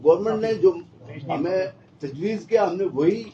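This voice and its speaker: A middle-aged man, a member of an election commission, explaining a timeline at a press conference in a measured way, often pausing with hesitations. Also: sits high, a loud crowd. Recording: dull lo-fi audio with faint noise.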